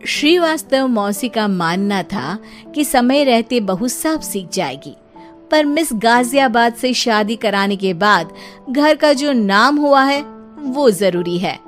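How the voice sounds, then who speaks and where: A woman narrating a children's moral story in a lively, playful way. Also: a little high, slow, soft background music.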